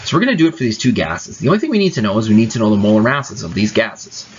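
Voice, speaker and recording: This lower-voiced man speaks in a sing-song, rapid-fire way while patiently explaining each chemistry step in a casual classroom tone with small fillers. The lo-fi recording is dull, with slight background noise.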